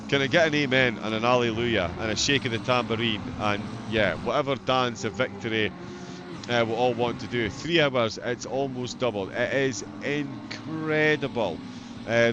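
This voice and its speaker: A male race commentator with a broad Scottish accent talks viewers through a live sim race. He is chatty and wryly amused, with a mid-pitched voice. Clear vehicle noise runs behind him. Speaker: sim racing livestream commentator.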